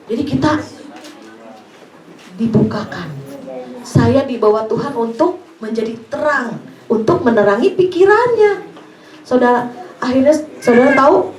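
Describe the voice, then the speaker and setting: A woman's voice: high voice, lively intonation, measured pace, long pauses, darkish tone, roomy sound, low-quality recording. A woman giving a sermon at a church service, telling stories and acting out prayers and conversations with strong feeling. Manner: storytelling, quoting prayers and dialogue with emotional swings.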